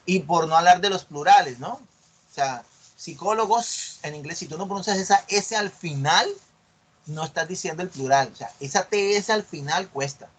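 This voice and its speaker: Guy teaching a class, kinda high voice, patient, keeps asking if ya get it, repeats english words slow and loud. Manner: explains patiently, checks understanding with frequent tag questions; drills English words slowly and loudly in repetition. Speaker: university teacher. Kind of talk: explanatory lecture on online class.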